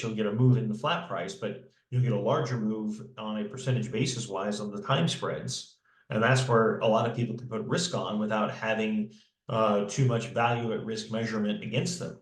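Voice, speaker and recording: A man co-hosting a podcast, explaining markets in a measured way with many fillers. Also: fairly low pitch, steady tone, reverberant, rough recording. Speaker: podcast co-host. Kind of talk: casual market analysis.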